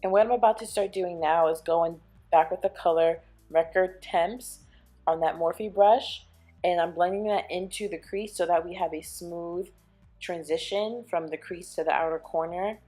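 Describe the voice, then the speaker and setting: A young woman with a slightly low voice chats through a makeup tutorial, explaining each step as she goes. Soft music plays behind her. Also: fairly even intonation, normal speed. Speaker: beauty vlogger. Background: soft background music.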